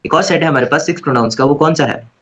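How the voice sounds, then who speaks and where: A man teaching an online Arabic grammar class in a casual, repetitive way. He keeps checking in with his students and slowly chants verb forms aloud. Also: on the high side, fairly bright tone, husky. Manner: casual and repetitive, checking in with "theek hai?" after every point. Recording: dull lo-fi recording.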